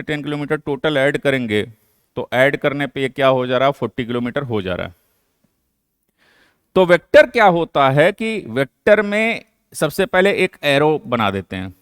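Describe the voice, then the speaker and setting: A man's voice: medium pitch, a bit bright, clear, resonant tone, no room sound, studio quality. A man teaching a physics lesson, explaining step by step and answering his own questions. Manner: mixes English terms into Hindi. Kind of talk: classroom lecture.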